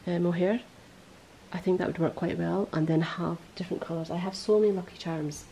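A woman hosting a podcast in casual chat, rambling and correcting herself as she goes, her voice a little hoarse. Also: sits low, warm tone, slight background noise, rough recording. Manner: chatty, rambling, self-correcting. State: voice going hoarse. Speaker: podcast host.

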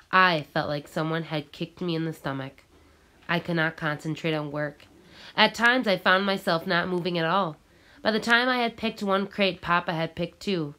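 Reading a novel aloud for an audiobook, a lowish-voiced woman keeps her delivery measured yet expressive.

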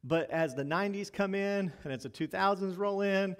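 A male pastor delivering a sermon with animated preaching, pushing louder and higher for emphasis, with folksy self-deprecating asides. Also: normal speed, clear, resonant tone. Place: church sanctuary. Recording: long reverb from a church hall.

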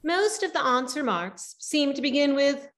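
Woman narrator, lively, fairly high voice, read-aloud storytelling. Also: normal speed.

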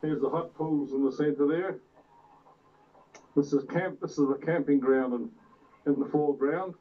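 A man narrating his own home video footage on an old VHS tape, unhurried, pointing out sights like a tour guide. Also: on the high side. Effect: old VHS tape sound. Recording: tinny, distant, hissy old camcorder tape.

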